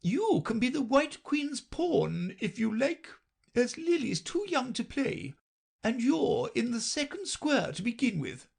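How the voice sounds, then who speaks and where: A man voicing a brisk, imperious queen chess piece who cries out orders in a shrill, commanding way. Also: sing-song, gravelly, husky, full character voice.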